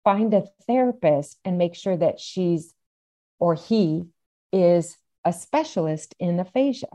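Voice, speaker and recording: A woman's voice: fairly low pitch, expressive, a little slow, dark tone. A middle-aged or older woman, explaining things as an interview guest and stressing key points emphatically. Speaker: podcast guest, aphasia advocate.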